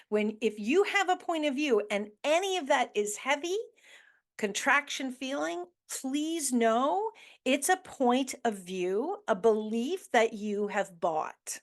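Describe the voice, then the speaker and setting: A woman hosting a motivational talk, coaching listeners with earnest questions and emphatic repetition. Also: on the high side. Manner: slow deliberate delivery with emphatic repetition. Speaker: host.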